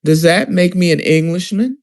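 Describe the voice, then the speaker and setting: A man's voice: high voice, normal speed. A man from Alabama with a Southern American accent, hosting a casual discussion in a conversational, questioning way. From Alabama, US Deep South. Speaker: host.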